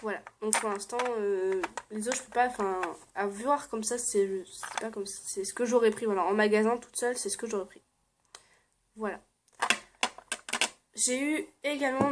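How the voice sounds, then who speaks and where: A woman's voice: mid-range voice, a little hiss or hum. A young woman chatting casually as she shows things to her viewers, with many fillers and frequent laughs. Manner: chatty, many "euh" fillers, laughs often, drops to soft murmurs. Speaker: beauty vlogger. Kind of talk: casual show-and-tell vlog.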